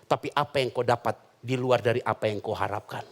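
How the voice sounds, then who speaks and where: A man's voice: medium pitch, fairly quick. A man preaching a humorous sermon as a pastor, telling funny stories and acting out the people in them. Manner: animated, jokes and voices quoted characters. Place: church hall.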